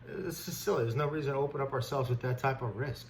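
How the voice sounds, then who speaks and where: A fast-talking man with a medium-pitched, steady voice hosts stock commentary. He launches into a blunt, indignant, unscripted rant in informal language. The recording is clear, with no background noise.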